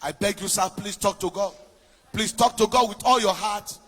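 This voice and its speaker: Fervent high-voiced pastor praying. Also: male voice, moderate pace. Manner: chanting, rising to shouts and sung lines, speaking in tongues. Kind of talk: fervent prayer sermon. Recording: church hall reverb with music behind.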